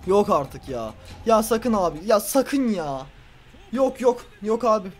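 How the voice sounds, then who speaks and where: A man's voice: sing-song, slow pace. Man ranting through a football game. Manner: ranting at the referee, swinging between loud outbursts and low grumbling. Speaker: gamer playing a football video game. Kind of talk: let's play commentary. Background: faint background music.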